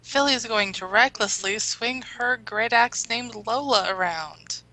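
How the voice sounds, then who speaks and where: A woman's voice: fairly high pitch, a little slow, sharp tone, rough recording. A woman chatting casually as a player in a tabletop role-playing game.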